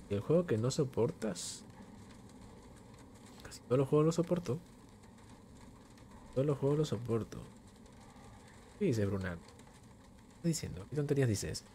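A young Venezuelan man streams gameplay from home, chatting warmly with viewers and reading their chat questions aloud into a desk microphone. His mid-range voice has lively intonation at normal speed with frequent pauses, over faint game music and slight background noise.

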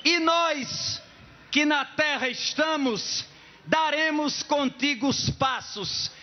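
A man from Pernambuco, Brazil, declaiming rhyming folk poetry on an outdoor festival stage, shouting and chanting his verses to a crowd. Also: extremely high pitch, slow pace, lo-fi sound. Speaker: poet performer on stage.

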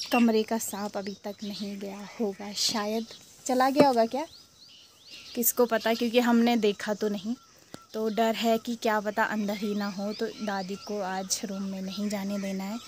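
A woman's voice: mid-range voice, flat delivery, unhurried, noisy background. A young woman from Uttarakhand narrating a casual home vlog, chatty and talking to viewers, sometimes whispering. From Uttarakhand, India. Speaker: vlogger.

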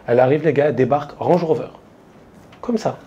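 A man doing stand-up, telling a story in a casual, slangy way to a live audience, quoting his friends in quick asides. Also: medium pitch, dark tone, lo-fi sound. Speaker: stand-up comedian. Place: stage before a live audience.

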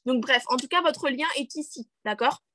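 At a moderate pace, a woman with a high, bright, forceful voice leads a screen-share tutorial over a video call; there's no room sound. She's a network marketing team leader whose talk is chatty and full of fillers and restarts, with frequent "d'accord?" check-ins and laughs at her own English.

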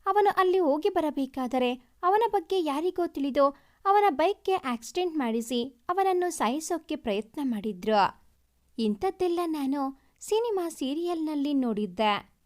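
High, expressive woman reading a story. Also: unhurried. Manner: heartfelt and expressive, reads with feeling. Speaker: story reader. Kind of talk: emotional first-person story narration.

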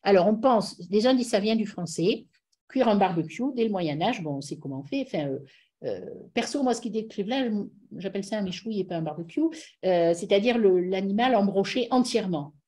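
A woman's voice: medium pitch, expressive, fairly quick, warm tone. A middle-aged woman giving an online lecture on song lyrics over a video call, digressive and full of hesitations. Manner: digressive, many hesitations and fillers.

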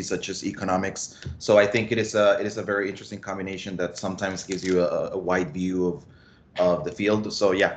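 A man in his thirties from Costa Rica, speaking as a data analytics instructor on a video call, explaining in a friendly way with frequent restarts. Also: low voice. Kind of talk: online workshop presentation. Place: small home office. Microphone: webcam on a video call.

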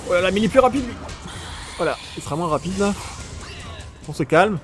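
A man playing a video game and commenting casually, joking along the way. His fairly high voice swings widely in pitch, and he shouts out his attacks during fights. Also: animated, fairly quick, over music. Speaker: let's play gamer.

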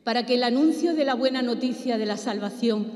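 A woman lector reading the intercessions at Mass in a measured, solemn way. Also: a little high, darkish tone. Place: large church. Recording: echoey church with long reverb.

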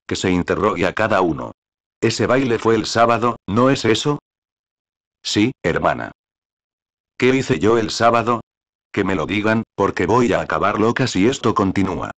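A man with a low voice voicing a desperate, proud young queen in an audiobook reading, pleading and indignant. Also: no room sound.

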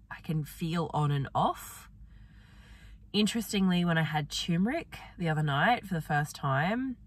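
Slow, low-voiced woman with a sore throat. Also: far from the mic. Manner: soft, gentle, meandering, with many fillers. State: sore swollen throat, voice affected. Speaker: vlogger. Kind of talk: reflective personal diary talk.

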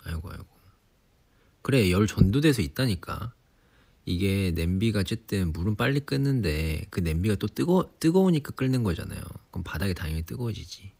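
A young man in his twenties, relaxed and chatty on a sleepy late-night livestream, teasing himself for nagging like an elder. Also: low-pitched, brisk, gravelly. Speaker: idol livestream host. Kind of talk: casual livestream chat. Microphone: phone or device mic, voice-only live.

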